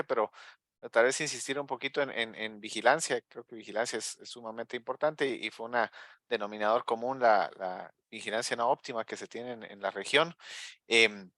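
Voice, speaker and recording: Male doctor on a panel, bright sharp voice, dry close sound, lots of ehs. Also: medium pitch, no echo. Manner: measured, hedging with fillers. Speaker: physician panelist. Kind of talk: panel discussion.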